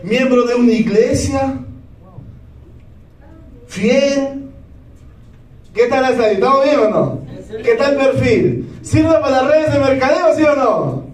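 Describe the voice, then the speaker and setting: A man in his thirties giving a lively motivational talk, keeps asking the audience yes or no. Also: very high-pitched, takes it slowly, long pauses. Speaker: motivational speaker. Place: large hall with a live audience. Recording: echoey hall, speaker far from the mic.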